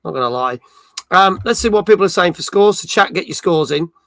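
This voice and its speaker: A British man in his forties runs a laid-back gaming stream, chatting and reading live comments aloud. His high, very bright, forward voice is recorded close and dry, with lively intonation, a fairly quick pace, and some vocal fry.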